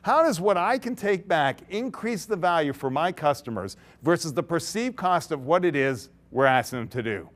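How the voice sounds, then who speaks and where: A high-pitched male speaker with a bouncy, swooping delivery tells a story on stage to a conference crowd. He acts out the characters as he goes and breaks into laughter. His tone stays playful and engaging. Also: animated, normal speed, hardly any pauses. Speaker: keynote speaker. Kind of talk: interactive storytelling talk to an audience. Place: large conference hall.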